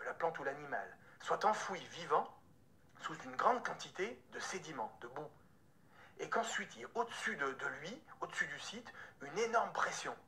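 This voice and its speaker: Woman putting on a calm know-it-all guy, half whispering, patient, kinda low and soft. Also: heavily acted. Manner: hushed, half-whispered explaining. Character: calm knowledgeable man explaining patiently.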